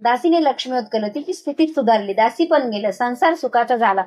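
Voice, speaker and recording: A woman narrating a devotional folk tale in a steady, recited storytelling cadence. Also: on the high side, fairly quick.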